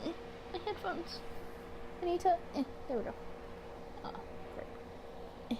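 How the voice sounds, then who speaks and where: A very high-pitched, expressive woman speaks at a measured pace, hosting a casual let's play on her gaming channel. She reads the visual novel aloud and rambles, interrupting herself to fix mistakes and apologize, with background noise in her home recording.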